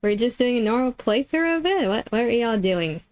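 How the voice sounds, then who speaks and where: A woman's voice: fairly high pitch, lively intonation, moderate pace, darkish tone, clear, resonant tone. A woman streamer chatting to her viewers during a live game stream, with a cute, bubbly anime-streamer delivery. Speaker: VTuber streamer. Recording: music in the background. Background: game music.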